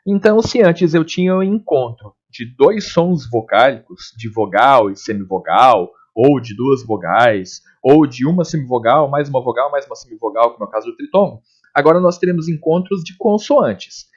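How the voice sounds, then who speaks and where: Guy teaching a grammar lesson, bouncy lively voice, keeps checking in, muffled lo-fi sound. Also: medium pitch. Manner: explanatory, checks in with "tá?" and "ok?", spells out letters and sounds slowly. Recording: dull lo-fi recording.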